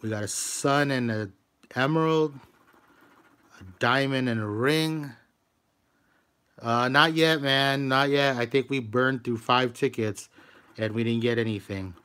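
Slow-talking man scratching tickets live. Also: mid-range voice, fairly bright tone. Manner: slow, chatty, greets viewers by name and urges on each ticket. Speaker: live-stream host scratching lottery tickets. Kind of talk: casual live-stream commentary.

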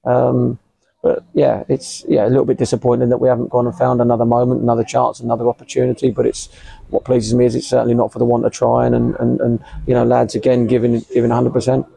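Man, English accent, 50s, football manager, post-match interview, flat and hesitant, outdoors at a ground. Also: medium pitch, vocal fry, slightly rough, no echo, rough recording. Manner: measured, hesitant, many fillers and repeats. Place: outdoors under a covered stand at a football ground.

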